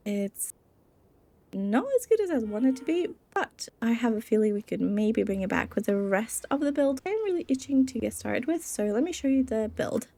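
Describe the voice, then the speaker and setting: A young woman talks her way through a building game in a loose, rambling way, laughing often and joking at her own expense. She sounds worn out, and her voice sits a little high for a woman. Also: lively intonation, moderate pace, mellow. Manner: giggly, rambling and self-deprecating. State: tired. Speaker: Minecraft let's play creator. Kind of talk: casual gameplay commentary.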